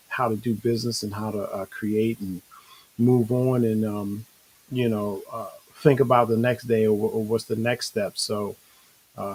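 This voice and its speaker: A man with a mid-pitched voice hosts a casual chat show. He feels his way through his sentences, pausing often and circling back over his phrases. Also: breathy edge, poor audio. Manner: halting, circling phrases with many pauses. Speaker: show host.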